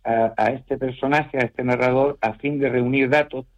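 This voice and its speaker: On a muffled radio broadcast, a male novelist from the Canary Islands responds carefully to interview questions, often hesitating and tacking on tag questions. His voice is mid-range and his intonation stays fairly even.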